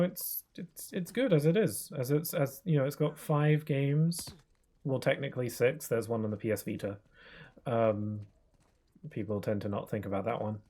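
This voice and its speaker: Young guy streamer rambling over gameplay, mellow dark tone, chatty. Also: medium pitch. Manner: rambling, chatty, laughs often. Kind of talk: casual gameplay commentary.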